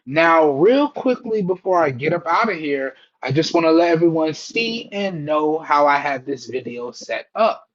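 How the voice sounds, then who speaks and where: A man's voice: on the high side, expressive, moderate pace, muffled recording. A man heard through a Bluetooth earbud mic, chatting casually at home as he tests a pair of wireless earbuds and keeps addressing his viewers. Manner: chatty and repetitive, keeps addressing "guys and gals". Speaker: tech reviewer testing earbuds. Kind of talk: casual product test vlog. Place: room at home with a TV. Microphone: wireless earbuds over Bluetooth.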